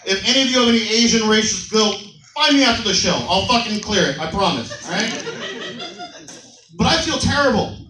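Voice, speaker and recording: A man's voice: high-pitched, expressive, a little fast, background noise. A young adult man doing stand-up comedy in a club, brash and profane, telling playful stories. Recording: roomy club sound, mic a bit distant.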